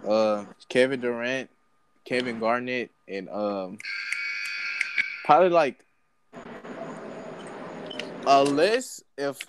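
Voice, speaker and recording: Young guy running the questions, rowdy and swearing, mid-pitch voice, faint hiss behind. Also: slow, long pauses. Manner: rowdy, joking, swears freely. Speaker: segment host asking questions. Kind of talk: casual group chat.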